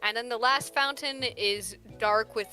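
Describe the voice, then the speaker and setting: A woman's voice: a little high, measured pace, sharp tone, soft background music. A woman narrating a tabletop fantasy game as game master.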